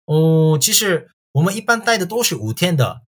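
A South Korean man speaks Mandarin as a foreigner with a Korean accent, answering interview questions as a tour guide in casual, halting, simple phrases. His voice is high and a bit bright, slightly rough, with big swings in pitch.

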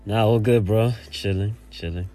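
Deep, even-toned South African man. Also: moderate pace, faint music behind. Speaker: podcast panelist. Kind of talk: casual discussion.

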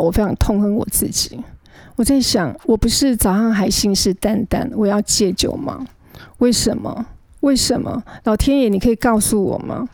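A woman's voice: mid-range voice, creaky, darkish tone, no echo. A middle-aged woman, earnestly recounting her own past as a guest and often stammering as she restarts her sentences. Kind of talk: emotional personal storytelling.

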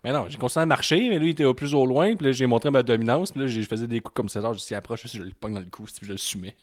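Brief: Québécois male co-host, rapid rambling storyteller, dry close sound. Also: medium pitch, no room sound. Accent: Québécois French. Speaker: podcast co-host. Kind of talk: casual podcast chat.

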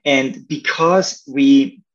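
A man's voice: medium pitch, fairly even intonation, very slow. A man from Austria, a startup founder, answering interview questions in a chatty, casual way. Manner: chatty, lots of "like" fillers. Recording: dull lo-fi audio.

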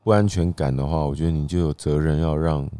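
A man's voice: extremely low pitch, fairly even intonation, quick pace, dark tone, no echo. A man with a Taiwanese accent chatting casually as a co-host on a talk show. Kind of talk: casual chat.

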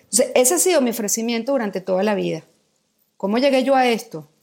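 A woman's voice: fairly high pitch, a little fast, creaky, a little mellow. A middle-aged woman from Mexico, a guest telling her personal story with vivid, candid emotion. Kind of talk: personal testimony in a podcast conversation.

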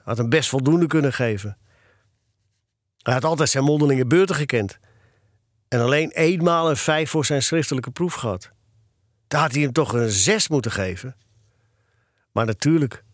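A man narrating a children's story in a calm, even reading voice. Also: medium pitch, no room sound, studio quality. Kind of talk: audiobook storytelling.

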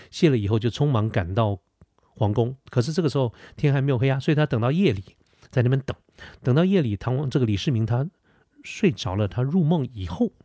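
A man's voice: mid-range voice, warm tone, no room sound. A man retelling a legend in a casual, chatty way, talking right to the listener and speaking close into a studio microphone. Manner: chatty, uses filler particles, asides to listener. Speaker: podcast storyteller. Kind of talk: casual storytelling narration. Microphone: Shure dynamic studio mic, close.

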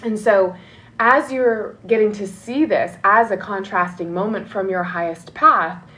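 A woman's voice: mid-range voice, unhurried, sharp tone, poor audio. A woman talking as a love and dating coach in a motivational podcast monologue, earnest and encouraging, often checking in with "right?".

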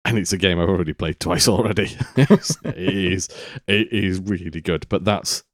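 A man's voice: deep voice, normal speed, no echo, studio quality. A man with a British accent, chatting casually as a co-host on a podcast. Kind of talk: casual chat.

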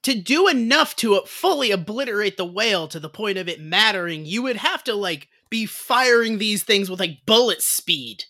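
A woman's voice: medium pitch, animated, moderate pace, hardly any pauses, bright, forceful tone. A woman co-hosting a casual comedy podcast, rambling with lots of "like" and frequent laughter. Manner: rambling, filler-heavy, laughs often. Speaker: podcast co-host.

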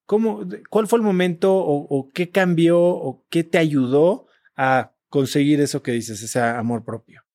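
A man's voice: fairly high pitch, unhurried, few pauses, a little mellow, dry recording, clean studio sound. A man hosting a podcast and asking questions in a casual way, mixing in English words. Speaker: podcast host. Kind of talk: interview questions.

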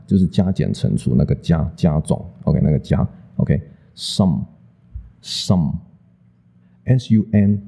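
A man's voice: rumbling low, gravelly, warm tone, slightly rough. A man teaching English pronunciation in a casual, chatty lesson, tagging "OK" onto nearly every phrase. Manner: chatty, peppers speech with "OK" and "好不好".

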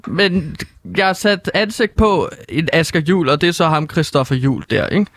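A man's voice: on the high side, fairly bright tone, dry recording. A young man co-hosting a studio show, playful and bumbling in comic banter. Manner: playful, bumbling, blurts catchphrases. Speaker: co-host, news reporter. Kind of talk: casual comedic banter. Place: radio studio.

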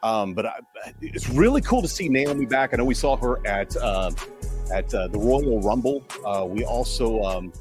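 A man's voice: mid-range voice, normal speed, music in the background. A man co-hosting a live wrestling recap podcast, talking casually with fillers and easy self-deprecating humor. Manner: relaxed, filler-heavy, laughing at own tech troubles. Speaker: podcast co-host.

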